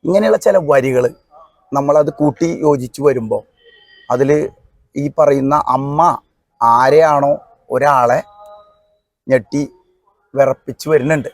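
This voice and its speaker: A man with a Kerala accent explaining and reciting traditional devotional verse in measured, halting phrases. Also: medium pitch, no echo.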